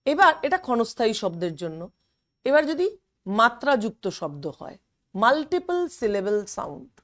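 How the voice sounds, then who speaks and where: A woman teacher explaining a physics lesson step by step, with many fillers and English terms. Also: a little high. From West Bengal, India.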